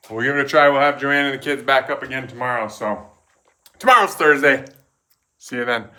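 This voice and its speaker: A man's voice: medium pitch, bright, forceful tone. A middle-aged man narrating his cabin building in a casual, folksy, self-mocking way. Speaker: vlogger building a log cabin. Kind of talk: casual narration while working. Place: outdoor building site.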